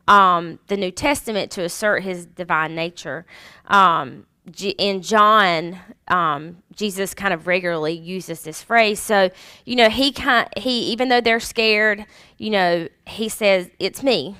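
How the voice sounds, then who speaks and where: A woman's voice: mid-range voice, bright, forceful tone, smooth, no echo. A woman teaching a Sunday school Bible lesson in a chatty way, with many fillers and restarts.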